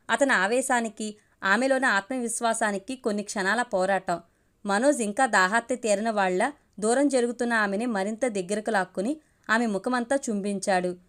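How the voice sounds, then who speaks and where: A woman storyteller narrating a romance story aloud with a steady, expressive reading. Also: fairly high pitch.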